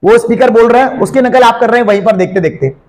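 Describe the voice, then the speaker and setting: Quick, high-voiced man teaching. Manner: lively, urges the class on. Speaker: English teacher. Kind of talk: classroom lesson.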